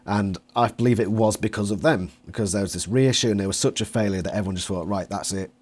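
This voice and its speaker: A British man in his late twenties, a longtime fan acting as interviewer, chats casually and offers his opinions. His voice is lowish, quick, darkish and slightly rough.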